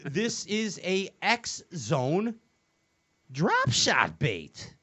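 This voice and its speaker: A man's voice: sits high, wildly swooping pitch, drawn-out words, a bit bright, husky. A man hosting a casual fishing chat, joking and rambling with lots of fillers and restarts. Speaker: host. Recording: dull lo-fi sound.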